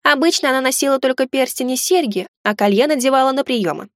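A chatty little fairy house spirit, as a woman reading the story puts her on, fussing and exclaiming with theatrical excitement. Her lines ride a touch higher than the reader's own voice. It is recorded close and dry, with no room sound. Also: quick pace, no echo, lightly acted. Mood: chirpy.

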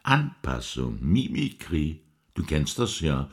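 An actor playing the Devil as a sly, mocking, smooth-talking tempter in a radio drama, theatrical and insinuating. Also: male voice, a bass voice, very animated, slow, exaggerated voice. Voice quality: husky, breathy, creaky. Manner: theatrical, insinuating, wordy with mannered archaic phrases.

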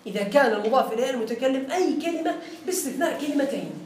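A man teaching a classroom grammar lesson. He quizzes his students and repeats the key phrases. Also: very high voice. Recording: roomy classroom echo.

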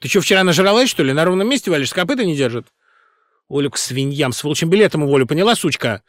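A man's voice: fairly high pitch, expressive, quick pace, a bit bright, dry recording, clean studio sound, voice pushed up. A shrieking, hysterical male singer. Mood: snarling. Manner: screeching, spitting insults.

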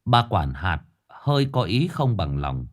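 A man narrating a scripted ghost story in a dramatic, expressive storytelling manner. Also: deep voice, unhurried.

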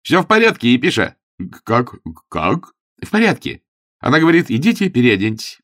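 A man performs a full character voice of an excitable young male curate, pitched above his own natural voice, who bursts into loud, gleeful exclamations. The delivery is fairly high and measured, recorded dry in a clean studio.

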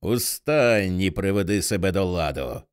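A man's voice: low voice, lively intonation, normal speed, clean tone. A man voicing a cold, harsh young female gym teacher who gives curt commands in an audiobook. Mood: stern.

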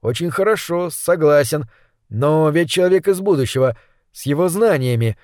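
A man reading the part of a measured, questioning storyteller in an audiobook. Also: on the high side, animated, darkish tone, dry recording, studio quality, lightly acted. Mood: thoughtful. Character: curious, skeptical male first-person narrator.

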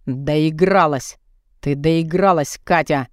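A woman's voice: sits low, a little slow, clear, resonant tone, no echo, clean studio sound, pitched below the performer's own voice. Woman doing a harsh angry young man. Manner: barking, accusing.

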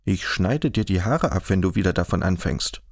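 A man voicing a sly, mocking middle-aged woman in an audiobook, teasing in a drawn-out, threatening way. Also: low-pitched, animated, creaky, darkish tone, no echo, clean studio sound, full character voice. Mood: menacing tease.

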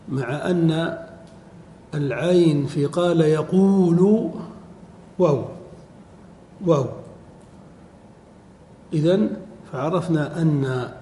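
A middle-aged man teaching Arabic word forms in a classroom lecture, quizzing his students and repeating each form slowly. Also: fairly high pitch, warm tone. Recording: echoey hall recording, faint background noise.

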